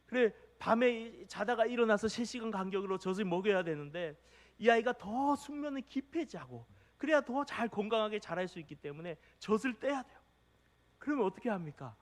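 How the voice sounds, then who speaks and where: A man preaching a sermon as pastor, impassioned, swinging between hushed, near-whispered passages and loud, urgent calls. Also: high voice, animated, fairly quick, in a large hall.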